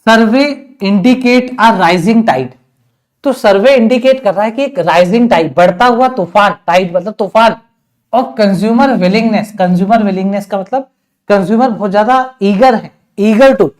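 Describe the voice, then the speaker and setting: A man with an Indian accent teaching an online exam-prep lesson. He reads English passages slowly, explains each word in Hindi, and teases his students with rhetorical questions. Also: sits high, a little mellow. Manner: chatty and teasing, with many rhetorical questions.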